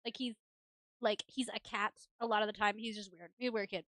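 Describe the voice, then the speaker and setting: A young woman streamer chatting casually, telling family stories in a lively, animated way and laughing often. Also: mid-range voice, brisk, slight background noise. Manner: laughs often while talking. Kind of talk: casual chat.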